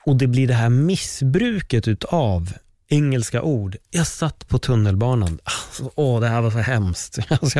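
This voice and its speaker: A man hosting a solo podcast, talking in an opinionated, animated way with exclamations and laughs. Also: medium pitch, dry recording, studio quality. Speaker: podcast host.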